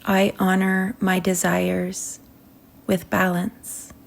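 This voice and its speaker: A woman's gravelly, medium-pitched voice carries a completely flat delivery as she leads a gentle meditation. Her phrases are short, her pauses long, and each line trails quietly off toward a whisper.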